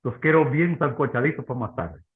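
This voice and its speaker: A man's voice: mid-range voice, expressive, natural voice. A man voicing Joseph, wailing and commanding. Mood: mocking orders. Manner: wailing cries, then brisk orders. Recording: tinny phone-like audio.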